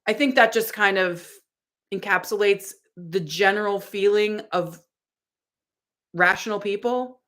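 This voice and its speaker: A woman's voice: medium pitch, measured pace, a bit bright. A woman in her forties, a live streamer reading out her chat in a rambling way, full of fillers and restarts. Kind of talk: casual livestream chat.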